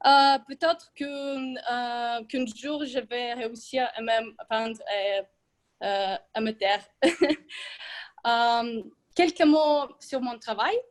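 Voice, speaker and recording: A high-voiced woman from Ukraine, whose first languages are Russian and Ukrainian, gives a prepared speech as a club member. She delivers it hesitantly, with many filler sounds and restarted words.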